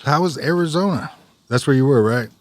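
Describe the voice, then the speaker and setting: A man's voice: mid-range voice, expressive, fairly quick, slight background noise. A man co-hosting a casual podcast, asking the guest questions and cracking crude jokes. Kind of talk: casual chat.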